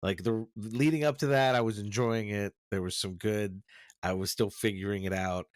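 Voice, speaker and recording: Low-voiced guy rambling about a movie on a podcast, dry close sound, keeps restarting. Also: fairly even intonation, moderate pace, dry recording. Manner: rambling, restarts often, laughs while telling. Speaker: podcast co-host. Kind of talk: casual movie chat.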